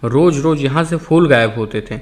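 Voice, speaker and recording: A man's voice: medium pitch, moderate pace, close to an everyday voice. A man voicing a frail, sickly old Englishman who whines tearfully and pants for breath, in an audiobook. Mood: whining.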